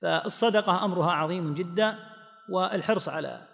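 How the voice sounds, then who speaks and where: A man giving a measured religious lesson, explaining texts and voicing quoted speakers. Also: high-pitched, vocal fry, fairly bright tone, big-room sound. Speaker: teacher explaining hadith.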